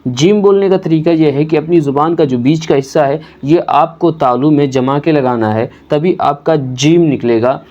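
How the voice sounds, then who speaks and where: Brief: man, fairly high voice, patient beginner tutor, dull lo-fi sound. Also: dark tone. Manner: slow repeated drilling of letter sounds; patient explaining teacher. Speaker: Quran reading teacher. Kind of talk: step-by-step beginner lesson.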